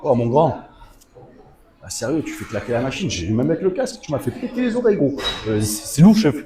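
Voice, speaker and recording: A man's voice: medium pitch, sing-song, a little fast, warm tone. A man in a played clip, teasing someone at the gym in casual slang. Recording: noisy crowd behind.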